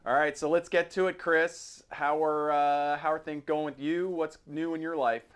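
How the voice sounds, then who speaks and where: This podcast host is a middle-aged American man chatting casually about firearms, with a wry, jokey streak. His voice sits on the high side with little pitch movement, a moderate pace and a clean tone.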